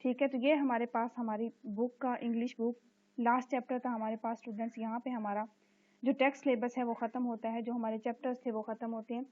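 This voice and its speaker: A woman teacher walks through an exercise in a recorded lecture. She reads each English sentence slowly in a fairly high voice and keeps saying "okay" as she explains. The sound is thin and tinny, like a phone line. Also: flat delivery. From Pakistan.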